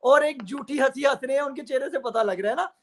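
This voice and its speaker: A man's voice: extremely high pitch, fast. A man arguing in a heated televised debate, mocking and taunting his opponent and talking over interruptions.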